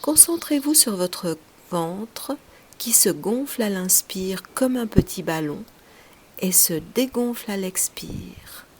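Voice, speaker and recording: Leading a guided relaxation as a yoga teacher, this woman speaks in a mid-range voice with lively intonation. She's soft and soothing, using short, unhurried phrases that often go breathy at the ends, and there's slight background noise.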